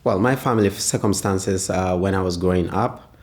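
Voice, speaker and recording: A man, answering interview questions as a father, pausing often and searching for words. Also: sits low, darkish tone. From Ghana. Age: 20s. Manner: hesitant, pauses often with "uh".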